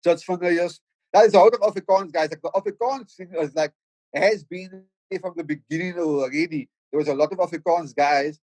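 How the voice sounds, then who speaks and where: In a rough, dry recording, a middle-aged Cape Town man, a rapper and producer from the Cape Flats, talks fairly quickly in a fairly high, darkish voice. As a podcast guest in a casual conversation, he reflects aloud and keeps stammering and restarting.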